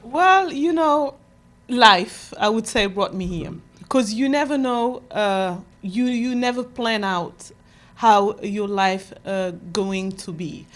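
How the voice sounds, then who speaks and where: A woman's voice: medium pitch, takes it slowly. A middle-aged woman raised in France with Senegalese roots and Fula as her first language, a guest talking casually and thoughtfully on a talk show. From France, Senegalese heritage. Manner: thoughtful, speeds up when enthused.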